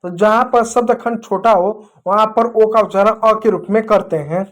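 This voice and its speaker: A man's voice: high voice, steady tone, moderate pace. A man teaching an English pronunciation lesson, explaining step by step and asking the viewer questions while he writes on a board. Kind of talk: classroom lesson.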